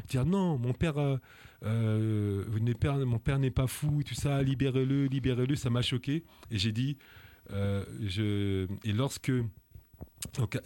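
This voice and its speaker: A Frenchman with a medium-pitched, slightly mellow voice appears as an activist guest on a radio interview. He talks earnestly and with indignation, full of hesitations, fillers and restarts.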